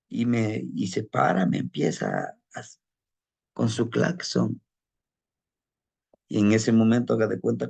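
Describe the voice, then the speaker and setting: A man's voice: medium pitch, vocal fry, warm tone, husky. A man telling a personal anecdote in a casual, conversational way, often adding tag questions and repeating words as he searches for them. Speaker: storyteller of spirit lore.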